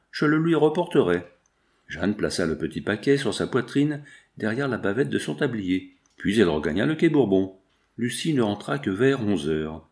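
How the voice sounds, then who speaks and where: Male audiobook narrator, steady and expressive, lowish voice. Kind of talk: novel read aloud.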